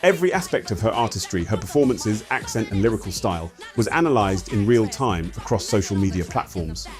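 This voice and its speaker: Male narrator with a low voice, measured and explanatory, soft music underneath. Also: animated. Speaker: documentary narrator. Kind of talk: scripted narration.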